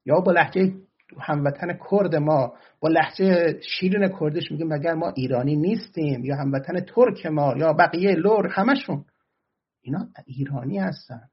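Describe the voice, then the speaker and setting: A man's voice: fairly high pitch, breathy edge, highs cut off. A man giving argumentative political commentary and answering audience questions, often turning heated and emphatic.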